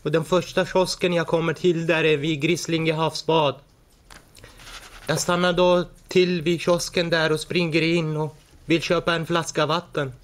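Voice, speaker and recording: A man in his forties giving a halting personal account as a defendant in a courtroom, often stumbling and restarting words. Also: a little high, little pitch movement. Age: 40s.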